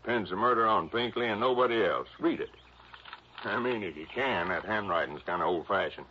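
Guy as a folksy rural american police chief, husky low drawl, stammery but cocksure, old muffled radio play. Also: animated, a little fast, slight background noise, natural voice. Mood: flustered, insistent. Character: stubborn, folksy small-town police chief, about fifty. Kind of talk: old-time radio drama acting. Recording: dull old radio recording.

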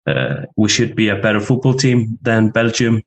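A man's voice: fairly low pitch, animated, moderate pace, rough recording. A man from Iceland, a sports commentator, chatting frankly and a bit hesitantly as a podcast guest. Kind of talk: casual podcast chat.

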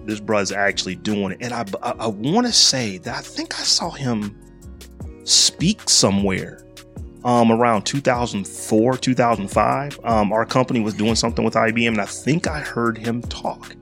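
A man's voice: mid-range voice, expressive, normal speed, fairly bright tone, faint music behind. A middle-aged man hosting a casual podcast. He reads a spotlight segment from his notes and breaks off into slangy, joking asides. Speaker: podcast host.

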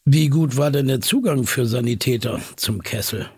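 An actor playing a podcast host who asks probing, slightly hesitant questions in an audio drama. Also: male voice, mid-range voice, moderate pace, darkish tone, breathy edge, no echo, studio quality.

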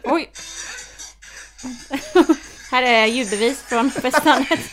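Young woman, a bit high-pitched, playful podcast co-host, quick to react. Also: over music. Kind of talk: casual chat.

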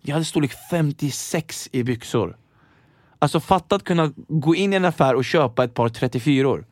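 A young man telling lively stories in casual chat, acting out the people in them. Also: fairly high pitch, no room sound, clean studio sound. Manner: animated, acts out voices in his anecdotes. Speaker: guest.

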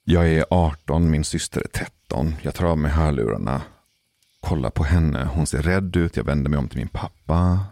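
A man telling a personal story in a casual, measured way, pausing for suspense. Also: very deep voice, vocal fry, warm tone, no echo, clean studio sound. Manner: measured, deliberate pauses for suspense. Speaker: podcast storyteller.

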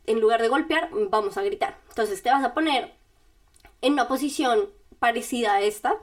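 Her pitch is fairly high and her pace moderate. This podcast host walks the listener through self-help steps casually, addressing them directly and keeping things chatty and informal with small laughs.

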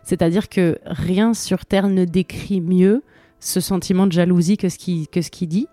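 A woman co-hosting a podcast, French by first language, talks through song lyrics with enthusiasm and lots of hesitation in a relaxed chat. She has a lowish, mellow voice with fairly even intonation, speaking at normal speed with no echo.

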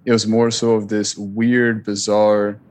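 In this reflective interview, the guest is a man from Richmond, Virginia, US, whose native language was Punjabi. He speaks in a low, mostly level voice, working through his memories with frequent fillers, pauses and false starts, against slight background noise.

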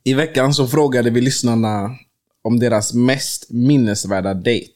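A man's voice: mid-range voice, a little mellow. A young man co-hosting a casual chat, asking his friend dry, half-joking questions. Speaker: podcast co-host. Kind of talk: casual banter between friends.

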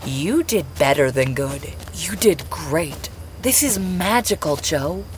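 An actress playing an excitable, romantic wife, gushing and enthusiastic. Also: female voice, deep voice, slow, slight background noise.

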